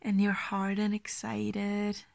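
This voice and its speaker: A woman doing an ASMR role-play as an affectionate, gently dominant girlfriend, speaking slowly and intimately in a coaxing half-soft voice. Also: mid-range voice, monotone, no room sound. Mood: coaxing, possessive. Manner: slow, breathy, intimate, soft-spoken, coaxing.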